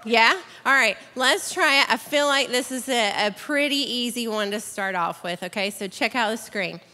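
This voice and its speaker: A chatty woman speaks from a large church stage, addressing the crowd directly. Her voice sits high and bright. Long reverb from the big hall trails every phrase. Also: moderate pace. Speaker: church announcer. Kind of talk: casual stage announcements.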